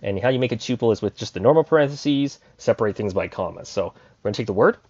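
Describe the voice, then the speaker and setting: In a laid-back coding tutorial, a lowish-voiced man talks quickly, reasoning out loud as he works through the code. The lo-fi recording is dull and dry, with the clatter of typing in the background.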